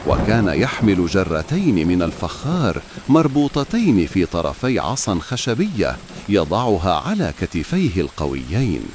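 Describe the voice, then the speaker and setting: A man narrating a calm bedtime story in a soft, expressive way. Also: deep voice, moderate pace, background noise.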